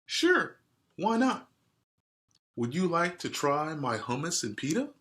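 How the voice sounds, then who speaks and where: A man's voice: fairly high pitch, very animated, slow pace, sharp tone, voice pushed up, heavily acted. A man voicing friendly, eager young schoolgirls in a storybook read-aloud. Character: two friendly young schoolgirls making up over lunch. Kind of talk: storybook character voices.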